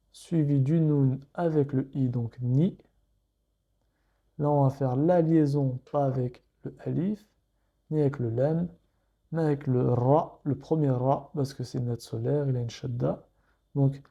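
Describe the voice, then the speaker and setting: A man's voice: mid-range voice, mellow, highs cut off. A man teaching how to read letters, patiently spelling out each letter and vowel in a step-by-step lesson. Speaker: Arabic reading teacher. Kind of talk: slow step-by-step reading lesson.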